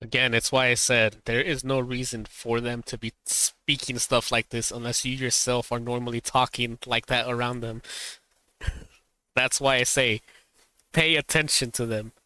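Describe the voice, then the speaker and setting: A man's voice: medium pitch, flat delivery, unhurried, pushed and bright, a little hiss or hum, low-quality recording. A man streaming live, chatting casually as he reacts to a video, rambling and laughing, with emphatic warnings.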